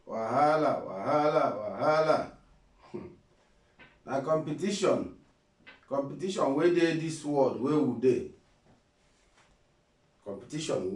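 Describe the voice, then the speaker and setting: A Nigerian man with an Igbo accent, his voice medium in pitch and darkish in tone, gives a casual motivational vlog talk. He's preachy, repeating phrases and throwing out rhetorical questions. The recording is roomy and a bit off-mic, picked up from a distance.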